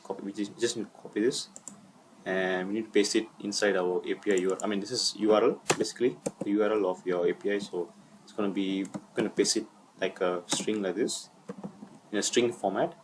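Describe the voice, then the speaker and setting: A man giving a screen-recorded coding walkthrough, talking haltingly with many fillers and self-corrections. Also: on the low side, steady tone, background noise. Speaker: coding tutorial instructor.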